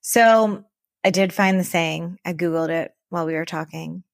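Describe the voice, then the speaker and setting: A woman co-hosting a podcast for travel advisors, chatting casually in a rambling, animated way. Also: on the low side, moderate pace, gravelly, no room sound, clean studio sound.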